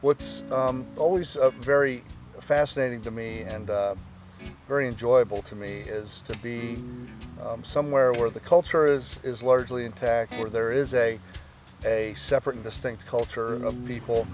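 A man's voice: mid-range voice, fairly even intonation, normal speed, a little mellow, soft background music. A man, a birdwatching journalist, giving chatty, upbeat interview answers outdoors on a lakeside lawn.

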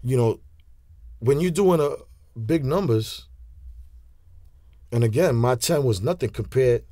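This interview guest, a man in his forties from New York by his accent, tells casual stories thick with street slang, animated hand gestures and plenty of restarts. He speaks a little slowly in a medium pitch. The sound is clean studio audio with no echo, recorded on a stand-mounted mic in a small studio with a leather couch.

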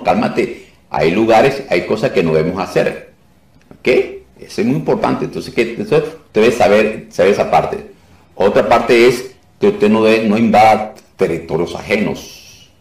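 A man's voice: fairly low pitch, a little mellow. A man teaching an informal class on deliverance ministry. He repeats himself and keeps asking "ok?" to check on his listeners. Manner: repetitive, restarts often, asks "ok?" to check. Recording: echoey room, voice from a distance.

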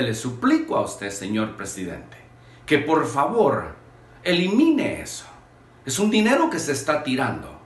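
A man's voice: a little high, fairly bright tone. A Guatemalan man in his forties making an earnest, pleading appeal straight to camera from a small room at home. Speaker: video appeal maker. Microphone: camera in front, medium shot. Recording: echoey room.

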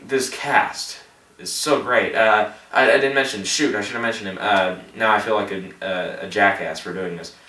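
A man's voice: on the low side, fairly bright tone. A man chatting casually about movies, tired late at night, rambling with lots of fillers and laughing at himself. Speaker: box office prediction vlogger. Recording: roomy echo, distant from the mic.

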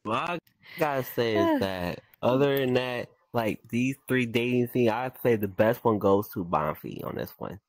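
A person chatting casually in a reaction video, in laid-back, slangy banter with drawn-out phrases. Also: medium pitch, expressive, dry recording, rough recording.

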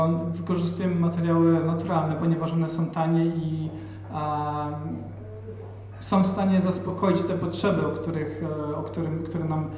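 A man's voice: a little high, darkish tone, slight background noise. Hesitant man in an echoey hall. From Poland. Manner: hesitant, many fillers and restarts. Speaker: panel speaker. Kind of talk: reflective talk at an event. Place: large hall with audience. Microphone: handheld mic. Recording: echoey hall, distant and dull.

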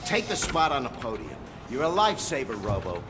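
An actor playing a harried, overworked police desk officer in a video game, flustered and pleading. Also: male voice, medium pitch, wildly swooping pitch, a little fast, background noise.

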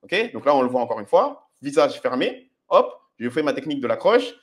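A quick-talking man, speaking at a middle pitch. He coaches viewers directly and often checks that they are following. His delivery is instructive and confident. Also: very animated. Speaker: dating coach. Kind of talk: commenting on his own street footage.

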